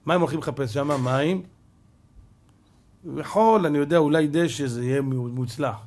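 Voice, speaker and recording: A man, a rabbi, giving a sermon as an animated storyteller who drops to a hush for suspense. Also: fairly high pitch.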